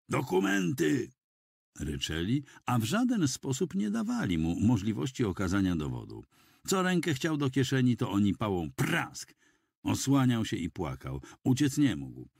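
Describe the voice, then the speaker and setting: A man reading a first-person audiobook in a measured, dramatic storytelling manner, close to a studio mic. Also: deep voice, creaky, darkish tone, slightly rough, no room sound. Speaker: audiobook reader.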